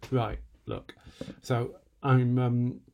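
A man talking quietly and wryly at night from a room in his house, hosting a solo radio show with lots of asides and restarts. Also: mid-range voice, flat delivery, extremely slow, vocal fry, dull audio. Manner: self-deprecating, wry, full of asides and restarts; talking quietly, half-whispering at times. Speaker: radio host. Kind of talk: rambling late-night solo radio chat.

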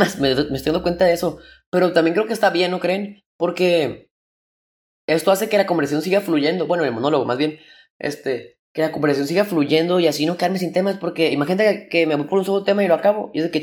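Rambling young Mexican man podcasting solo. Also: fairly high pitch. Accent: Mexican Spanish. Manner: rambling, slangy, self-interrupting. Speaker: podcast host. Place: home room.

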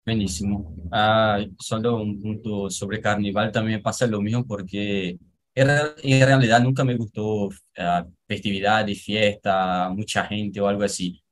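A man hosts a group language call, asking questions in a relaxed, friendly way and slipping between vos and tú forms. His voice sits somewhat low. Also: measured pace. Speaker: host of a language exchange call. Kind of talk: moderating a casual group chat.

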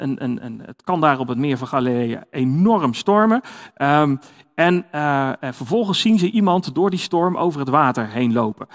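High-voiced man preaching in a reverberant hall. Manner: conversational, with frequent fillers and restarts. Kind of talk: sermon.

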